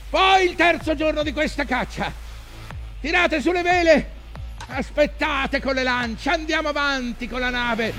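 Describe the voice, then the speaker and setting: An older actor playing a weary, obsessed old whaling captain, brooding and defiant, in a declamatory theatrical stage monologue. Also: male voice, extremely high pitch, a bit bright, full character voice. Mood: frenzied, exultant. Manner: declamatory, anguished, swinging from murmurs to cries.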